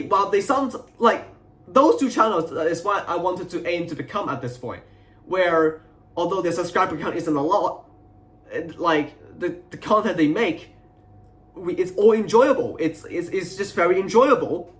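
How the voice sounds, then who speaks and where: High-pitched young man ranting in frustration. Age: young adult. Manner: frustrated, aggrieved venting; halting, repetitive, rambling. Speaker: video creator. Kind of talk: unscripted personal rant to viewers.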